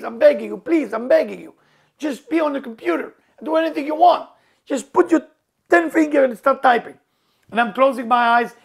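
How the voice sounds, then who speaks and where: His voice sits at an extremely high pitch with a gravelly texture. A middle-aged man whose mother tongue is Hebrew, he gives an earnest motivational talk as a spiritual teacher, emphatically repeating key words in non-native phrasing.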